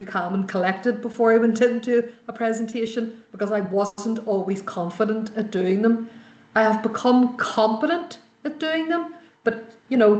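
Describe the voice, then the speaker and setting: A woman giving explanatory coaching as a trainer, reassuring and emphatic, repeating her key phrases. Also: medium pitch. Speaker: sales pitch trainer. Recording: roomy, echoey sound.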